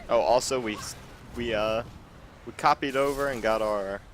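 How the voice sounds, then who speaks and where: A man casually commenting on his gameplay, thinking aloud in a relaxed way as he goes. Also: medium pitch, normal speed, a little hiss or hum. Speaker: gameplay video host.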